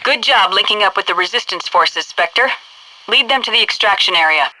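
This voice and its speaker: An actress voices a composed, commanding headquarters officer in a video game, issuing crisp, businesslike mission orders over military radio. Her female voice is mid-range and expressive, at a moderate pace, with background noise.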